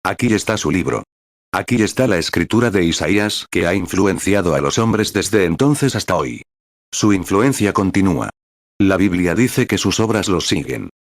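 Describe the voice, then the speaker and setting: Man, very low voice, earnest sermon reading, dry close sound. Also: animated, moderate pace, no room sound. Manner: earnest, preaching and praying. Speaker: reader of a translated sermon. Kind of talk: sermon reading with numbered paragraphs.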